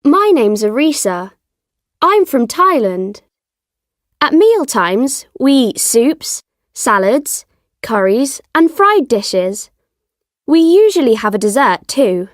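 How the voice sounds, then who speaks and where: A woman reading the part of a cheerful young girl in a slow, careful textbook style for learners. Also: a little high, very animated, no echo, studio quality. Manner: slow, lilting textbook delivery.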